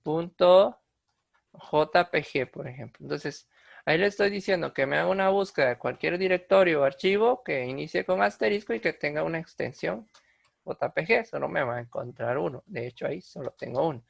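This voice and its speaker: A man's voice: fairly high pitch, animated, a little fast, vocal fry. A man explaining computer commands step by step in a screen-recorded tutorial, with frequent fillers and restarts. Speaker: instructor.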